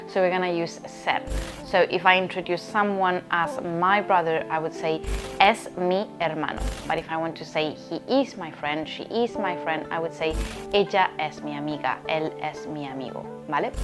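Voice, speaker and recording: A woman from Spain, a language teacher explaining grammar in an online lesson, often checking in with "okay?". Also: fairly low pitch. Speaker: Spanish teacher.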